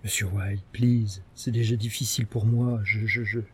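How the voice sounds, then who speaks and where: A man's voice: fairly low pitch, steady tone, normal speed, slightly rough. A man voicing a nervous male head waiter who stammers and apologizes.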